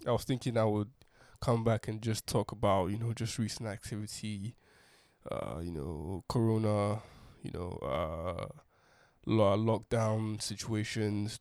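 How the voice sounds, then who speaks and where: A man's voice: fairly low pitch, darkish tone, smooth, no room sound, clean studio sound. A young man hosting his own podcast, talking casually in a rambling way with many restarts and fillers. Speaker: podcast host. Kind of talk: casual solo monologue.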